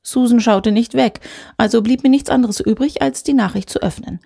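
A woman's voice: on the high side, moderate pace, creaky, dark tone, breathy edge. A woman reading a first-person short story aloud in a dry, sardonic tone. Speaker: audiobook reader. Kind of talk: scripted story narration.

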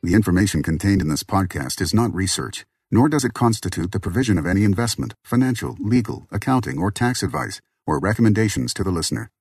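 A man's voice: fairly low pitch, expressive, quick pace, gravelly, few pauses, darkish tone, breathy edge, no echo, clean studio sound. A man reading a scripted legal disclaimer in a formal, unbroken announcer's delivery.

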